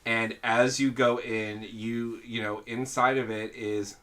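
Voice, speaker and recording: A man's voice: mid-range voice, flat delivery, slow pace, fairly bright tone. A man running a tabletop role-playing game as game master, talking casually and repeating words while he improvises.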